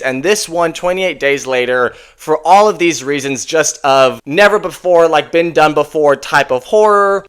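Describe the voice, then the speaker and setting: A man's voice: fairly high pitch, fairly bright tone, clean tone. A man in his twenties reviewing a movie casually, enthusiastic and rambling with lots of fillers. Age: 20s.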